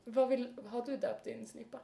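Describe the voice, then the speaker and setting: A woman co-hosting a podcast, telling stories in a casual, animated way and acting out quotes. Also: a little high, gravelly, echoey room. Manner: animated, laughing, acts out quotes. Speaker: podcast co-host. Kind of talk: casual chat, storytelling.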